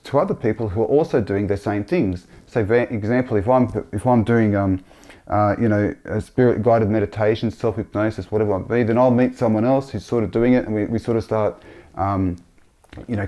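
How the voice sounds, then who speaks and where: A man sharing a personal religious testimony in a halting, earnest way, often repeating himself. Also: on the low side, warm tone.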